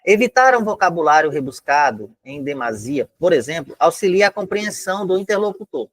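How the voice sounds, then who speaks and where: High-voiced Brazilian man teaching casually. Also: big pitch swings, brisk. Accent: Brazilian Portuguese. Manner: chatty, explains step by step, many filler tags. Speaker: exam prep teacher. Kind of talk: casual online lesson. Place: home room.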